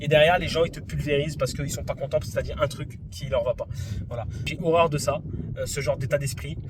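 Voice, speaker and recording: A man in his twenties from France, retelling a tennis match dispute in an indignant, animated vlog. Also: on the high side, fast, background noise. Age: 20s. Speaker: tennis vlogger. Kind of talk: vlog story recap.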